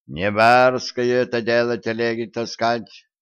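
A man's voice: medium pitch, little pitch movement, unhurried, clean tone, close to an everyday voice. A man voicing a pompous, hot-headed young royal gossip in a storybook, with haughty talk over dull lo-fi audio.

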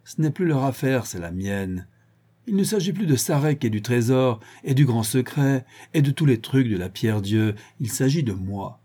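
A man voicing a cruel, unhinged male villain in an audiobook reading, ranting and gloating, swinging between loud shouts and low hisses. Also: lively intonation, normal speed, husky.

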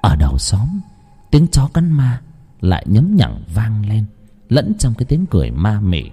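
A man narrates a ghost story with dramatic suspense. His voice is low, dark and husky. The pitch swings widely to build tension. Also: huge pitch swings, a little slow. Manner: dramatic, suspenseful, wide-ranging delivery.

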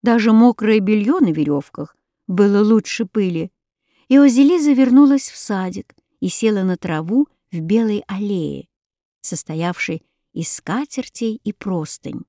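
A woman tells a fairy tale in a calm, measured way. Her voice is warm and mellow, at an ordinary pitch. The sound is close and dry, with no room around it. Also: no room sound. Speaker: storyteller.

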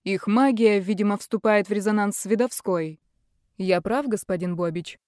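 A woman voicing a composed young man who speaks in a hushed, measured way. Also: medium pitch, no room sound, studio quality, close to an everyday voice. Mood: calm. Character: calm composed young man, quietly reasoning.

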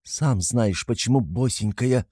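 Мужчина изображает отчаянную гордую женщину. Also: male voice, a little mellow, slightly rough, no echo, clean studio sound. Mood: snapping. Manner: rapid, shrill, breathless pleading. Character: frantic proud consumptive mother, woman.

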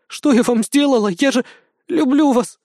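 A man voicing a frightened young female fox goddess who pleads in a high, tearful voice. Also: normal speed, a little mellow, dry recording, studio quality. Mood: pleading tearful.

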